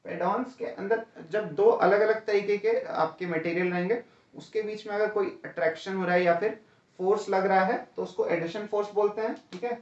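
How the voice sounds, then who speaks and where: A man's voice: sits high, steady tone, normal speed. Echoey, distant man teaching. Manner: explains step by step, keeps asking "है ना?" and "ठीक है?"; calls students "भैया". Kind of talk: exam-prep lecture. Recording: roomy, distant, dull lo-fi sound.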